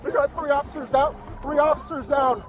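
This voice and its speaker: A man's voice: very high-pitched, steady tone, fairly quick. A male police officer making urgent, clipped calls over a police radio. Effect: police radio transmission.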